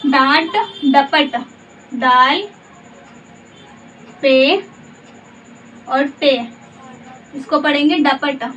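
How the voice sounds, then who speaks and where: A woman teaching a slow Urdu spelling lesson. She says each letter in turn, then reads out the whole word, and she asks the learner questions along the way. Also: sits high, steady tone, sharp tone. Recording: dull, muffled audio from a distance with faint background hiss.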